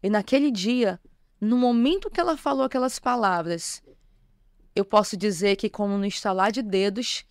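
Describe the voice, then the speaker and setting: A woman's voice: mid-range voice, normal speed, clear, resonant tone, no echo. Woman, church bishop giving her testimony, earnest and emotional, dry close sound. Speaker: bishop, guest. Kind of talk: personal testimony in an interview.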